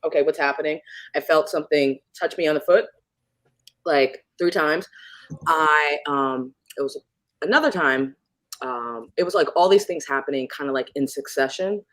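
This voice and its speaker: A woman guest telling a personal ghost story in a casual podcast chat, animated and acting out moments with sudden jumps in pitch. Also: normal speed, no room sound.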